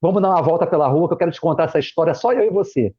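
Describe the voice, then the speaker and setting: A man's voice: a little high, racing, slightly rough. A middle-aged Brazilian man, a former pastor and guest, telling personal stories in a casual chat, acting out his children's voices. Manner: animated, acts out family members' voices in quotes. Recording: muffled lo-fi live stream audio.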